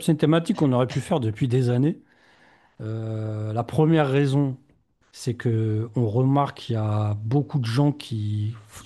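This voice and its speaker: A man hosting a podcast in casual chat, relaxed and hesitant, with many fillers. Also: mid-range voice. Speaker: podcast host.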